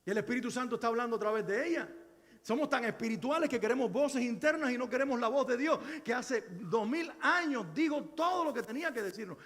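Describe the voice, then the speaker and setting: A man's voice: very high voice, fast, a bit bright. A middle-aged male pastor preaching a sermon, earnest and exhorting, with many rhetorical questions. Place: church sanctuary. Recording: echoey church hall.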